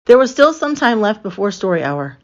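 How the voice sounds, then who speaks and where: A woman's voice: mid-range voice, very animated, brisk, darkish tone. Woman reading a children's story, slightly muffled. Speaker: storyteller reading a picture book aloud. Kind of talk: expressive children's story narration. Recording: slightly dull, lo-fi sound.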